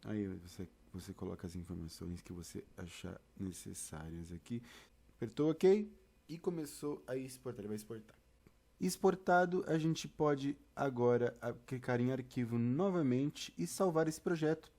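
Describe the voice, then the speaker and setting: Talking informally and directly to his audience, a man with a Brazilian accent leads a step-by-step tutorial at normal speed. His voice is mid-range and dark, and he presents tutorials on theatre and audio.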